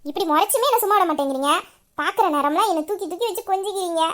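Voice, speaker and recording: A playfully stubborn young wife pushes back at her husband with quick, giggling retorts, as a woman acts her out in a romantic audio drama. Her voice is very high and she talks fast. She sounds bashful but never gives in. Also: expressive, a bit bright. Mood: protesting.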